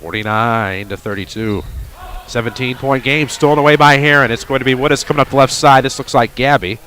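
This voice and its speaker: A man calling a high school basketball game for radio play-by-play, quick with wry asides, from a gymnasium with faint noise behind. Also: sharp tone. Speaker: play-by-play announcer.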